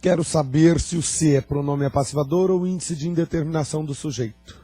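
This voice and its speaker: A man's voice: a little high, fairly even intonation, a little fast, dark tone, dry recording, faint music behind. A man with a Brazilian accent teaching a Portuguese grammar lesson for exam prep, asking his students questions and teasing them dryly.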